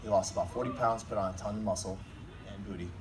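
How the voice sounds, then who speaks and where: A man's voice: lowish voice, racing. A man delivering a comedic best man's wedding speech in a joking, teasing, informal manner. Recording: distant mic, noisy room recording.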